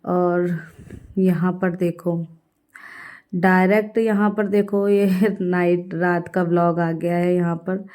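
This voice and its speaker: Low, even-voiced woman vlogging at home. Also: takes it slowly. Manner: chatty, addresses viewers directly; mixes English words into Hindi. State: unwell with fever. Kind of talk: casual home vlog chat.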